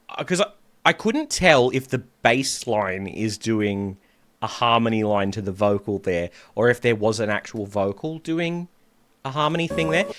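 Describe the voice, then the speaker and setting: A man hosting a music reaction as a vocal coach. His voice sits at a middle pitch. He talks in a chatty way and picks apart the harmonies and vocal layers as he goes. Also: fairly bright tone, a little hiss or hum. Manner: chatty and analytical, breaking down harmonies.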